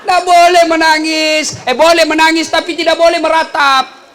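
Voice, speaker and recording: A middle-aged man, preaching a humorous sermon to a congregation, telling stories and swinging between loud calls and low asides. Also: little pitch movement, moderate pace, a faint crowd, slight background noise.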